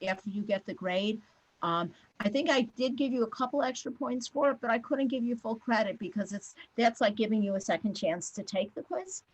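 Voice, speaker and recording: A woman math teacher chatting briskly and warmly with her students on a video call, with lots of fillers. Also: on the high side, no echo, poor audio. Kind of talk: casual talk with students after class.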